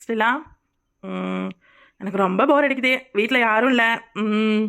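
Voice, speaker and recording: A woman voicing a cartoon role, talking in a gentle, coaxing, consoling way. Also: medium pitch, a little slow, creaky, smooth. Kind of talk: cartoon voice acting.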